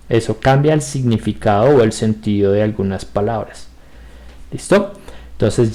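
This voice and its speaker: A middle-aged man gives a virtual grammar lesson over a computer mic. He explains step by step in an even, mid-range voice and keeps checking that his students understand. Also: mid-range voice. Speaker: school teacher. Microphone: computer mic on a video call.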